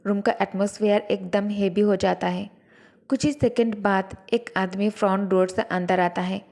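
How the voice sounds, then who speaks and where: A woman narrating a dramatic romance story in a measured, descriptive way. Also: medium pitch, fairly even intonation, gravelly, a little mellow.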